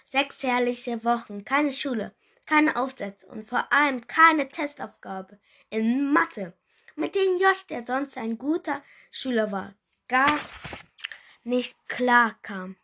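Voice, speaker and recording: A woman's voice: sits high, lively intonation, slow pace, sharp tone. A woman reading a children's book aloud, unpolished and stumbling over words now and then. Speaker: reader.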